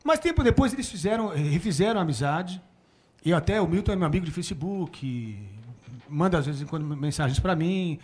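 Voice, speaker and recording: Brazilian man in his forties, high and very lively voice, chatty talk-show guest telling stories. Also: a little fast. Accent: Brazilian Portuguese. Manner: animated, laughs often, quotes his father. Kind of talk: casual storytelling. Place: small room before a small audience.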